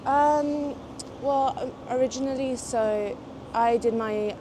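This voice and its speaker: A young woman raised in Portugal talks in English with a light British-tinged accent, French being her first language. She chats easily but hesitates often, with many "um"s and small laughs. The recording is made outside on a city street, with clear traffic noise behind her. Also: sits high, slow pace. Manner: chatty, hesitant with frequent fillers and small laughs. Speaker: interviewee, graduate student. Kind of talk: casual street interview.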